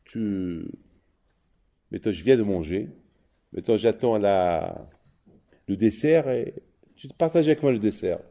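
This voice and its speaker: A man voicing a very old, wise man in a told story, patient and low-voiced. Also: lively intonation, unhurried, long pauses, dark tone. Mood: calm.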